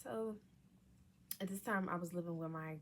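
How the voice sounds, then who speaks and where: A woman's voice: lowish voice, normal speed, slight background noise. A young woman casually telling a personal story, candid and profane, dropping into whispers for asides. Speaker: vlogger telling her surgery story.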